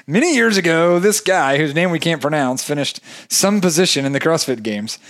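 A man's voice: fairly high pitch, lively intonation, normal speed, a bit bright. A man co-hosting a casual podcast, rambling and joking as he talks. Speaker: podcast co-host.

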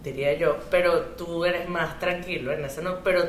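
A woman hosting a casual podcast interview, chatty and quick with agreeing replies. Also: on the low side, fairly even intonation, a little hiss or hum. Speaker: podcast host. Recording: echoey room.

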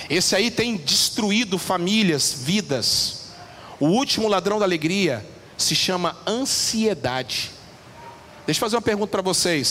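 A man preaching a lively sermon to a congregation, asking questions and acting out little voices. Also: high-pitched, a little hiss or hum. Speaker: pastor. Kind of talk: lively sermon with audience interaction. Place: church hall. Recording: reverberant church hall, faint ambience.

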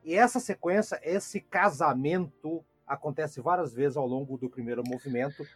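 A man co-hosting a casual music chat, jokey and quick to interrupt, repeating words as he explains. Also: a little high, slightly rough, dry recording. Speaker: co-host. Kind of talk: casual podcast chat about classical music.

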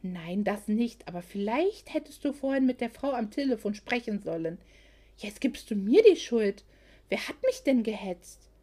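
A woman voicing a flustered, anxious young woman in a German audiobook, rushed and pleading. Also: mid-range voice, lively intonation, warm tone, lightly acted. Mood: upset.

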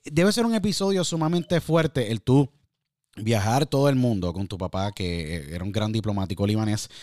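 A man's voice: medium pitch, a little mellow. A man hosting a podcast interview, asking long, enthusiastic questions full of fillers. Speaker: podcast host.

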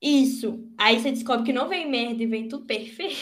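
High-voiced chatty woman, echoey room. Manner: chatty, reacts with quick asides. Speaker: podcast co-host. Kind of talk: casual chat.

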